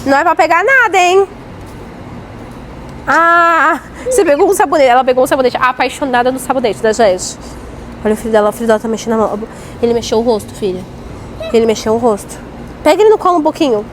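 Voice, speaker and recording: Woman, high voice, excitable, playful mock alarm, casual vlog, handheld phone, noisy supermarket. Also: fast talker, long pauses. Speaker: mother filming a family outing. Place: indoor supermarket aisle. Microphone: handheld phone camera. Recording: noisy store ambience.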